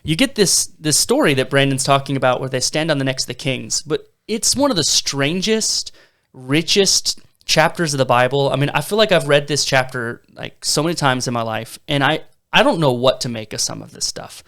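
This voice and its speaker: A man's voice: mid-range voice, animated, normal speed, fairly bright tone. A young man in his twenties co-hosting a casual Bible discussion podcast, telling the story eagerly with some fillers. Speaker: podcast co-host.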